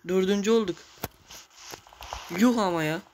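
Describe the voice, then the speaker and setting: Excitable man narrating his own gameplay. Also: high voice, unhurried, a little hiss or hum. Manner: excitable, cursing, talking to viewers while playing. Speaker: gamer. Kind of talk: casual gameplay commentary.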